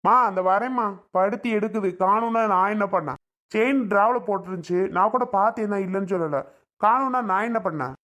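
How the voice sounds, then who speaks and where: A woman's voice: medium pitch, brisk, a bit bright, lightly acted. A woman playing a grown son who defends himself angrily and makes threats. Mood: defensive. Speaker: Arun, a son and husband in a family skit. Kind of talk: family comedy skit acting.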